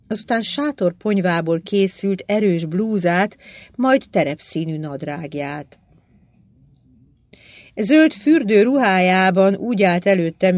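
An audiobook narrator reading a story in a steady, measured way. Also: medium pitch, no room sound. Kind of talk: scripted narration.

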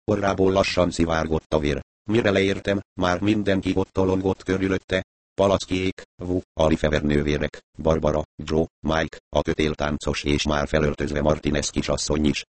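Male narrator, deep voice, measured storytelling, dry studio sound. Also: level tone, no room sound. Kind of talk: audiobook narration of a crime novel.

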